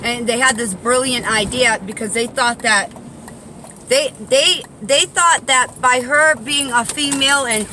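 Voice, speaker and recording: Casting: woman, higher-pitched, lisp with whistling S, insistent off-the-cuff vlogger, noisy phone recording. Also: bright, forceful tone. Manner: insistent, halting, conspiratorial telling. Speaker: video maker addressing viewers. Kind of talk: rambling casual vlog monologue. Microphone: handheld phone.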